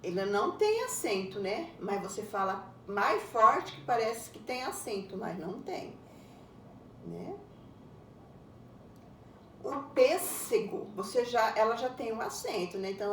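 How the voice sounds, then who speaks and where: Woman teacher, unhurried, explains step by step for children, roomy recording with faint background noise. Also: medium pitch, far from the mic. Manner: patient, explains step by step, ends phrases with a tag question. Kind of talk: recorded lesson for young pupils.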